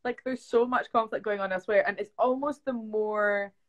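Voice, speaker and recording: A woman's voice: mid-range voice, steady tone, moderate pace, highs cut off. A young woman from the UK, chatting casually as a guest on a phone live stream, with lots of fillers like "like" and "um". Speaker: actress guest. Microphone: phone on a video live stream.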